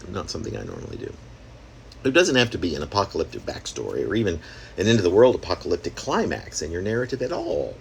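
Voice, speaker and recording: A deep, gravelly-voiced man reads his own experimental prose poem aloud, conversational and wry, slipping in asides and rhetorical questions. A little hiss or hum sits under the recording.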